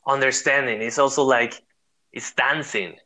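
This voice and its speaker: A man's voice: medium pitch, normal speed, bright, forceful tone. Earnest man. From Costa Rica. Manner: earnest, searching, many fillers and restarts. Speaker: guest. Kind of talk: interview conversation.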